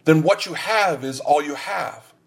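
A man's voice: on the high side, animated, measured pace, gravelly. A middle-aged man preaching a sermon, mixing scripture with jokes and personal stories. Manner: joking, anecdotal storytelling. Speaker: pastor.

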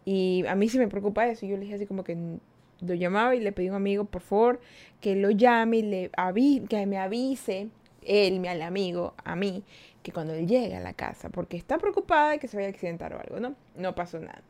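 A young woman talks through a personal story on her podcast, loose and chatty. She speaks at a middle pitch and keeps it lively, acting out the lines people said to her. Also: brisk. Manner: animated, chatty, acts out quoted dialogue. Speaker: podcast host. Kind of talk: casual storytelling monologue.

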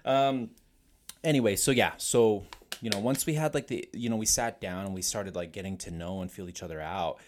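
A woman's voice: very deep voice, moderate pace, noisy background. A woman co-hosting a podcast, chatting casually and teasing her partner, a bit self-deprecating. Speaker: podcast co-host. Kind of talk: casual chat.

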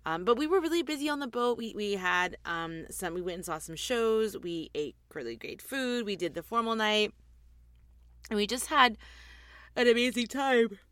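A woman's voice: medium pitch, expressive, normal speed, fairly bright tone, dry recording. A woman in her forties hosting a podcast, chatting casually and rambling with frequent ums, recorded inside a closet on a desktop microphone. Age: 40s. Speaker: podcast host. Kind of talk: casual chat. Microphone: desktop USB microphone.

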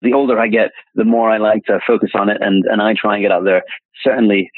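A man with a fairly low voice talks fast in a level tone, interviewed as a classic car dealer. The chat is casual and rambling, full of restarts and repeated words, and comes over tinny, dry phone-line audio.

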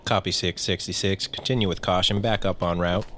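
A man's voice: low-pitched, steady tone, fairly quick. A man voicing a police dispatcher heard over a radio, talking in clipped radio procedure. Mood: curt. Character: male police dispatcher on the radio, flat and later sinister. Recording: echoey, noisy, distant radio sound.

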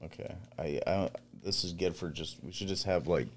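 A man's voice: low voice, fairly quick. A man in his forties co-hosting a podcast, chatting casually and joking with plenty of swearing. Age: 40s. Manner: swearing, joking, loud bursts. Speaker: podcast co-host. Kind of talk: casual chat.

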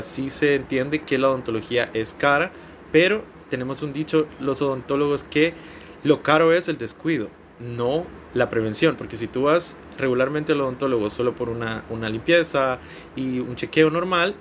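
A man's voice: mid-range voice, a little hiss or hum. A man in his twenties from Honduras, a dentist answering interview questions earnestly, often repeating words as he restarts. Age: 20s. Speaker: dentist guest.

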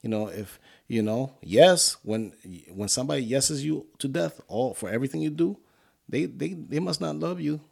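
A man's voice: medium pitch, normal speed, vocal fry, darkish tone, slightly rough. A middle-aged man co-hosting a casual faith podcast, rambling and repeating "you know" while his throat is scratchy. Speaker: podcast co-host.

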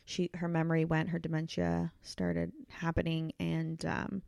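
A woman talking in a casual chat, emotional and halting, with many fillers, close to tears. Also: low-pitched, completely flat delivery, gravelly, darkish tone, dry recording. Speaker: podcast guest.

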